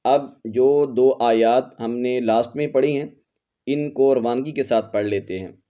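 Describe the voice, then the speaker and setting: Patiently spelling out each letter and vowel before blending the word, a man gives a slow, letter-by-letter Quran recitation lesson. His medium-pitched voice is mellow, measured in pace and fairly even in intonation. The lo-fi recording is slightly dull.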